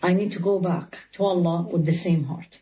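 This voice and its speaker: A woman's voice: on the low side, steady tone, normal speed, dull audio, crowd noise. A woman with an Arabic accent, a religious teacher explaining in an interview, asking rhetorical questions and quoting scripture in Arabic. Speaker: Islamic teacher.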